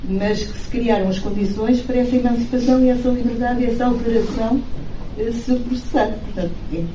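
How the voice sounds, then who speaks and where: Woman in her 60s thinking out loud, lots of ums, far off in an echoey room. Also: a little high, fairly quick, slight background noise. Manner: thoughtful, with hesitant fillers. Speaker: interviewee. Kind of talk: reflective spoken testimony. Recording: echoey, distant, dull room.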